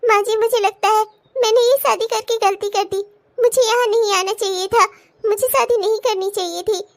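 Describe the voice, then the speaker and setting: A woman's voice: extremely high pitch, steady tone, moderate pace. A woman voicing a timid, unhappy young bride in a cartoon comedy, speaking plaintively. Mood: sad. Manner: plaintive, self-doubting.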